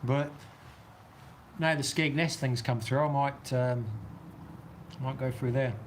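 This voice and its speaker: A man with a New Zealand accent talks casually on a livestream, rambling as he answers viewer comments from an outdoor weather shelter on a golf course. His voice is medium-pitched and steady in tone, a little slow, with a faint hiss or hum in the audio.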